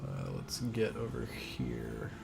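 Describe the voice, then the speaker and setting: A man's voice: a bass voice, wildly swooping pitch, takes it slowly, creaky, loud music behind the voice. A man casually commentating his gameplay, thinking aloud and muttering his plans as he goes. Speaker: gamer.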